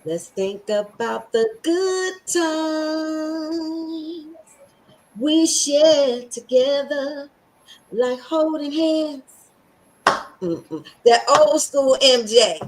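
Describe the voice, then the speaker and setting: On her podcast, a middle-aged woman with a scratchy, slightly high voice delivers a casual motivational chat that is sassy, emphatic and preachy, loaded with slang. Her delivery is punchy and direct, with lively intonation, an extremely slow pace and long pauses.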